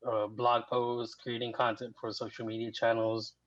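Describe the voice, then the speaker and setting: On a podcast's casual interview, a guest writer, a man in his thirties from Mexico, rambles easily with many fillers. His mid-range voice is monotone and a bit bright at a moderate pace, captured in a muffled, dry, lo-fi recording.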